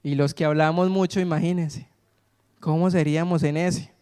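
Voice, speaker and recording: High, resonant preacher man. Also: steady tone, moderate pace, warm tone, clean tone. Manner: call-and-response, asks congregation to fill in words. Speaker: pastor. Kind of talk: sermon. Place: church sanctuary. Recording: long reverb of a church hall.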